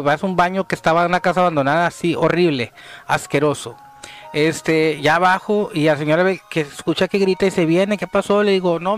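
A man with a Mexican accent telling a story in casual chat, animated and dropping to hushed tones at tense moments. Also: a little high. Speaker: podcast guest telling a story.

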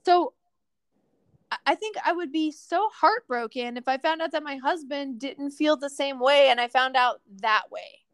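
A high-pitched young woman talking fast and loose on a podcast, full of "like" and quick asides. The sound is dry and close, with no room around her. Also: no echo. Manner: chatty, animated, lots of "like". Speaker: podcast co-host. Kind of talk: casual podcast chat.

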